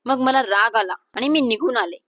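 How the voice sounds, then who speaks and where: A woman's voice: on the high side, animated, normal speed, fairly bright tone, no room sound, studio quality. A woman voicing a frank, chatty young college friend telling what happened in a storybook romance.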